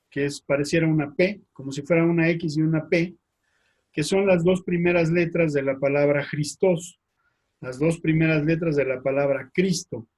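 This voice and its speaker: A man, a priest with a Mexican Spanish accent, giving a slide lecture, speaking haltingly with frequent fillers and tag questions. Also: on the high side, darkish tone. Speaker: priest teaching.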